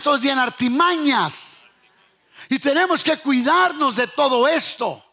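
A man preaching a sermon, emphatic, repeating his points and asking the listeners if they hear him, sometimes shouting and half-singing phrases. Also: very high-pitched, vocal fry.

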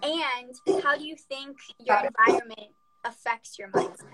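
A woman's voice: high-pitched, moderate pace, very noisy. A young woman co-hosting a casual live chat, upbeat and asking her audience questions. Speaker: podcast co-host.

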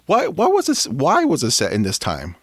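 A man's voice: on the high side, huge pitch swings, moderate pace, fairly bright tone, no echo, clean studio sound. A man co-hosting a movie review chat, talking in a rambling way with many restarts. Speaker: podcast co-host reviewing movies. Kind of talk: casual chat.

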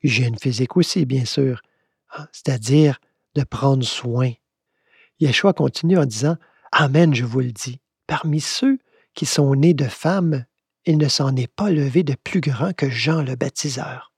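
A man's voice: medium pitch, measured pace, breathy edge, dry recording, clean studio sound. A man with a Québécois accent gives a conversational Bible commentary, reflective and questioning as he reads and explains. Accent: Québécois French. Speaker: spiritual teacher.

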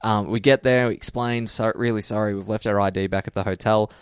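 A man's voice: lowish voice, steady tone, brisk, clean tone, no echo, clean studio sound. A man in his twenties co-hosting a podcast in casual chat, telling stories that ramble and correct themselves. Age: 20s. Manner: rambling, self-correcting storyteller. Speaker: podcast co-host.

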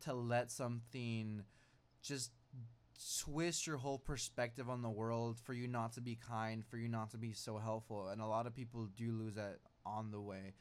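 A young man interviews a guest in a relaxed chat. His speech is halting and full of "like." He keeps stopping and restarting his sentences. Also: medium pitch, clean tone. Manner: halting, frequent "like" and "mm-hmm". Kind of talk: casual interview.

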